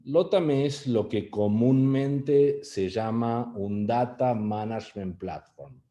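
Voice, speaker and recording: This webinar speaker is a middle-aged man with an Argentine Spanish accent, giving an online presentation in a mid-range, dark-toned voice at a slow pace. His talk is hesitant, with many fillers and restarts, and the room echoes.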